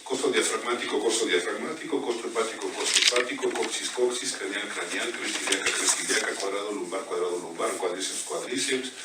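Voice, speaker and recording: A low-voiced man rattles off anatomical points in an even, murmured run, like a therapist working through a list. He is picked up from across an echoey room, with a television and steady noise in the background. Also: recorded from a distance. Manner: recites body-point pairs in a quick steady murmur. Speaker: biomagnetism therapist. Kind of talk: rapid-fire live scanning recitation.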